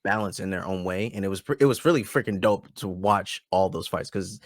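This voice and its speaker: A man's voice: deep voice, a little fast, dry recording, clean studio sound. A man co-hosting an anime podcast, talking in a loose, rambling way with lots of restarts and fillers. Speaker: podcast co-host. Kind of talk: casual chat.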